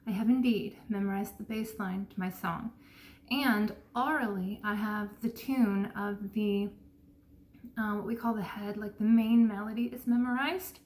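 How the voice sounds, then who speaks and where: A woman's voice: a little high, a little mellow. A woman chatting casually and thinking aloud in a piano practice vlog, her articulation slightly impeded by dental braces. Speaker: video blogger learning jazz piano. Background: piano playing at times.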